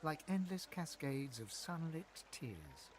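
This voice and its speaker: A man playing a solemn, poetic storyteller, narrating a fantasy video game in a measured, literary way. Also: a little high, sing-song, soft background music.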